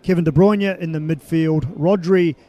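Male radio co-presenter, measured scores reading, mellow tone, slightly high. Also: steady tone. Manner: measured, announcer-like delivery. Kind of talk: reading sports results.

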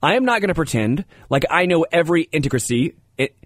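Fast-talking and a little high, with a sing-song lilt, this American man hosts sports talk radio commentary full of casual asides. He sounds slightly congested, speaks emphatically and informally, and repeats himself often; the recording is dry and studio-clean.

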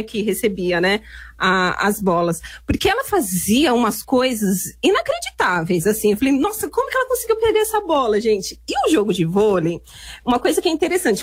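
Animated woman telling stories. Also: a little high, slightly rough, dry recording. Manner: animated, laughs often while telling stories. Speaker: interview guest. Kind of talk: casual storytelling interview.

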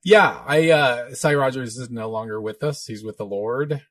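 A man's voice: mid-range voice, normal speed, fairly bright tone, dry recording. A man hosting a live question-and-answer stream as a minister, chatty and joking, laughing often. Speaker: podcast host, minister. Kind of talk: live Q&A chat.

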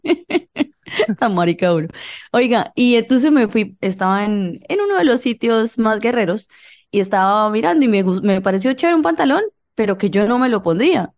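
A woman's voice: a little high, normal speed. Chatty woman telling a comic story. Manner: lively, quotes people in dialogue. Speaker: radio show host. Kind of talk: casual comedic storytelling.

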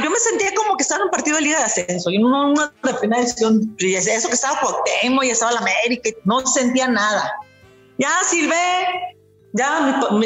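Mexican lady telling stories on a podcast, kinda cocky, high pitched, echoey room. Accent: Mexican Spanish. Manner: lively, boastful storyteller who acts out quoted dialogue. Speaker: guest. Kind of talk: casual storytelling interview.

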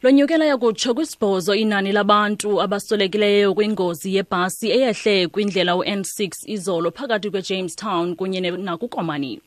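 A woman's voice: lowish voice, dry recording. A woman reading a scripted radio news bulletin.

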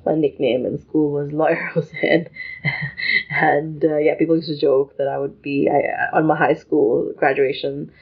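A woman in her twenties from Pakistan, chatting as a podcast guest in a lively, self-deprecating way that is quick to laugh. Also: low voice, creaky, husky, dull audio. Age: 20s. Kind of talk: podcast interview.

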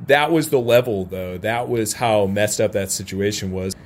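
This American man from St. Louis works as a soccer radio play-by-play announcer and speaks as an interview guest, sharing personal anecdotes in a candid, casual way. His voice is fairly low and his speed normal. Stadium radio-booth ambience is clearly audible behind him.

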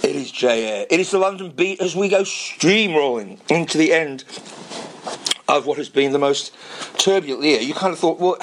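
Male radio host, hoarse and raspy as if losing his voice, rambling delivery with dramatic pauses, noisy recording. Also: a little high, fairly bright tone. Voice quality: raspy, strained voice. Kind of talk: informal radio monologue between songs.

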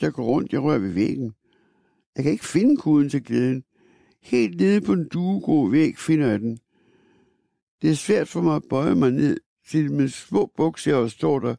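A man reads a first-person literary piece in a measured, wry voice with a gravelly edge. His tone is dark and mellow, though his pitch sits a little high for a man. The recording is dry and close. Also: no room sound.

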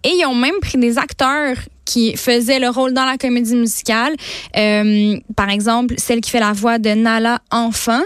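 A woman's voice: a little high, steady tone, moderate pace, clean tone, dry recording, clean studio sound. A woman with a Québécois accent chatting casually as a culture columnist, with lots of hesitations and fillers. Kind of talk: casual chat recommending films and series.

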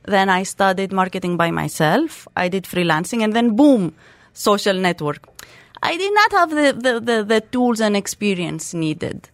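A startup co-founder from Crete, Greece, a woman in her thirties, is a guest on a radio studio interview. Her voice is medium in pitch and animated, moving at a moderate pace with no room sound. She chats freely, with plenty of fillers and restarts.

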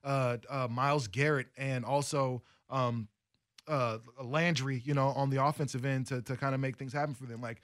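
Co-hosting a sports radio show, a man rambles chattily about football with plenty of fillers in casual sports radio talk. His voice is medium-pitched with fairly even intonation and a moderate pace, recorded on a studio mic with studio quality and no echo.

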